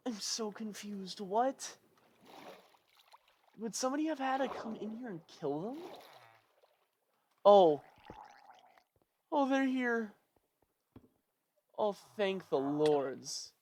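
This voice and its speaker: A person giving casual let's-play commentary, rambling and thinking out loud in a fretful, chatty way. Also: medium pitch. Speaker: gameplay commentator.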